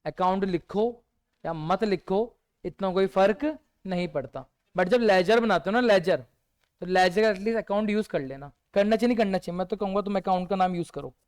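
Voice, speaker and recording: A male teacher giving a revision lecture who keeps asking his students rhetorical questions and answers many of them himself with quiet one-word replies. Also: high-pitched, normal speed, clear, resonant tone.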